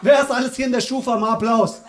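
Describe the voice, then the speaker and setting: A male stand-up comedian doing teasing, loud crowd work in a live club, with a slang manner. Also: very high-pitched, steady tone, heavy background noise. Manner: teasing, loud, fast banter with slang fillers. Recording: live room with crowd laughter. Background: audience laughter.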